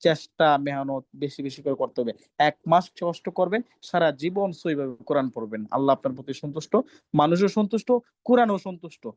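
Strict guy teaching quran pronunciation, bit high voice, dry close sound. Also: lively intonation, a little fast, a little mellow, dry recording. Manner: stern, scolds students, repeats sounds for drill. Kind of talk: online class teaching pronunciation.

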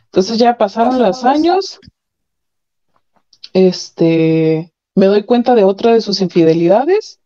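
On a lo-fi phone line, a caller frankly and matter-of-factly tells her personal story, letting out nervous laughs. Her mid-range voice is warm, with lively intonation and a slow pace.

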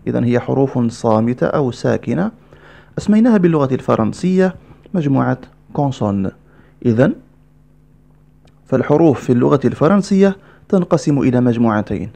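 Male teacher, gravelly and dark, lively pitch, patient drills with repeated sounds. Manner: slow, repeats each sound several times; patient, step-by-step explaining. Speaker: French teacher. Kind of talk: Arabic-language pronunciation lesson.

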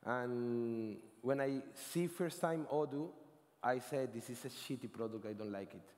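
A Venezuelan man in his thirties, a Spanish speaker, talks from a big conference stage through a headset mic. His voice sits at an ordinary middle pitch. The sound carries a long hall reverb, and he rambles casually, fixing his words as he goes. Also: measured pace, darkish tone. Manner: casual, rambling, frequent self-corrections and "right?" tags. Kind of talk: conference talk.

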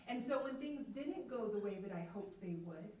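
Expressive and a little mellow, this medium-pitched woman speaks at normal speed while giving an earnest faith testimony as keynote speaker. She's in her thirties, from Atlanta in the American South, storytelling emphatically into a handheld mic in a big banquet room. Slight background noise, hall echo, and a far-off pickup mark the recording.

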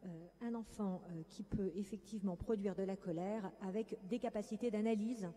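A woman's voice: medium pitch, steady tone, moderate pace, mellow. A woman clinical psychologist giving a conference talk, speaking hesitantly with many fillers. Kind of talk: conference lecture. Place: conference hall. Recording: echoey conference hall.

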